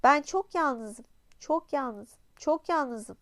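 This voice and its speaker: A woman voicing a mountain echo that repeats words slowly and drawn-out. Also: sits high, expressive, fairly bright tone, exaggerated voice. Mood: hollow. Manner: slow, drawn-out repetition.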